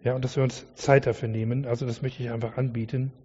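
In a church hall, a man preaches a sermon to his congregation in an earnest, conversational way, frequently adding "ja". His voice is medium-pitched, flat, fast, slightly mellow, and breathy, captured in a distant lo-fi hall recording.

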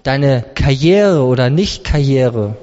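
A man's voice: mid-range voice, lively intonation, slow pace, mellow. A man preaching a sermon, impassioned, driving his points home by stacking repeated phrases. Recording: long hall reverb, dull lo-fi sound.

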